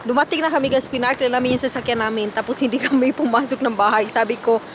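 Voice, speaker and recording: Casual female vlogger, Filipino accent, fairly high voice, informal and chatty, heavy wind and street noise. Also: racing. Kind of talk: casual vlog chat mixing Tagalog and English. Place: outdoors on a walk.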